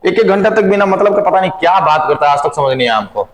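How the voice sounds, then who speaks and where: A young male physics teacher giving a lively lesson, often asking questions and answering them himself, with playful asides. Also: sits high, quick pace, echoey room, low-quality recording. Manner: playful, asks and answers his own questions, acts out little skits. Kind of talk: lively classroom-style lesson.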